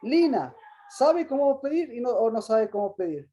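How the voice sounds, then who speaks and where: A man teaching an interactive Bible study on a video call, pausing and repeating words as he asks questions. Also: very high voice, very animated, dark tone.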